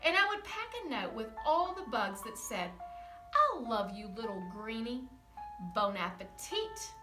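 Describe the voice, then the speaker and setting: A woman voicing a loving, patient storybook mother who answers calmly and reassuringly. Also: on the high side, a little slow, echoey room, distant mic, music in the background. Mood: loving, soothing. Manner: warm and reassuring.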